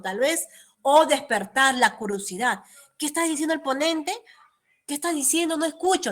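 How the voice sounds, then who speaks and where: High-voiced woman teaching a class. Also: fairly bright tone. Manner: explanatory, checks in with tag questions. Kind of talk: online class lecture.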